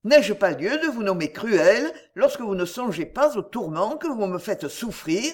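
Ardent young suitor from a storybook reading, pleading, impassioned, voiced in a lively way by a woman narrator. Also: medium pitch, measured pace. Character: earnest lovesick young gentleman.

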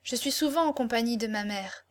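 A woman reading the part of a tender, devoted young woman, soft and heartfelt. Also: fairly high pitch, a little fast, lightly acted. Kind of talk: audiobook character reading.

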